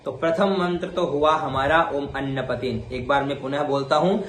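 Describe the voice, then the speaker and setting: A man teaching the pronunciation of Vedic mantras, chanting each mantra slowly and then explaining briefly. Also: on the high side, steady tone, a bit bright, roomy sound, slight background noise.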